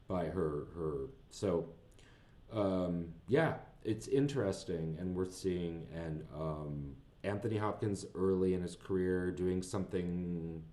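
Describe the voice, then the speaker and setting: A man's voice: low voice, mellow. A man co-hosting a podcast, chatting casually about films, rambling and laughing as he retells scenes. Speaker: podcast co-host. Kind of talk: casual film discussion.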